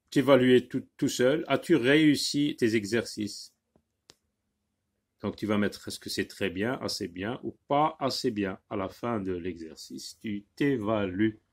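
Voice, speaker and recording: A man teaching a spelling lesson for children, slowly and patiently naming letters one by one. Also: mid-range voice, lively intonation.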